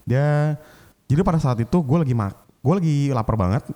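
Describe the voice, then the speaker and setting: A man in casual conversation, telling a lively story about his work as a chef and mixing English phrases into his speech. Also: medium pitch, brisk. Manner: animated, mixes English into speech. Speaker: chef guest.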